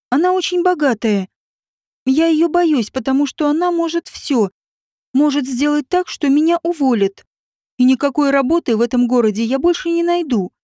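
A woman reading a storybook, voicing a desperate young woman who shouts accusations and sobs. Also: no echo, clean studio sound. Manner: shrill and pleading, breaking into sobs.

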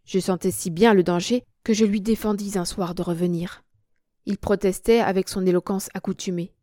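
A woman narrating a literary story as an audiobook, in a measured, expressive reading. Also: medium pitch, dry recording, studio quality. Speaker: audiobook reader.

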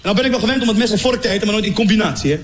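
A young man doing stand-up comedy, acting out scenes with sound effects and lively storytelling. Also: high voice, rapid-fire. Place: stage in a venue before a laughing audience. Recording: echoey venue with crowd noise. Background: audience laughter.

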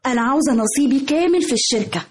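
A woman's voice: sits high, very fast, close to an everyday voice. A woman playing a defiant young Egyptian heiress. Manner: defiant, determined. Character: defiant young woman claiming her inheritance. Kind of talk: radio drama acting.

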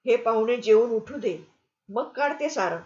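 A woman's voice: animated, unhurried, dull audio. A woman voicing a harsh, scolding innkeeper's wife who nags and insults. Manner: shrill, nagging, insulting.

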